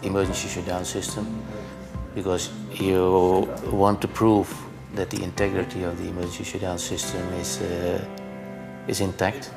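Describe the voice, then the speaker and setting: Low, creaky, even-toned man over music. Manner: halting, deliberate phrasing. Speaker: installation engineer. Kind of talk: explanatory interview. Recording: music under the voice.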